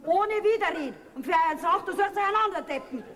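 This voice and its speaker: A scolding, indignant Bavarian farm wife and mother, her voice very high. It is a folk stage comedy heard from far off in a hall, with a long echo trailing her words. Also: expressive, fairly quick, fairly bright tone, some chatter behind. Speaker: stage actor. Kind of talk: folk theater comedy acting.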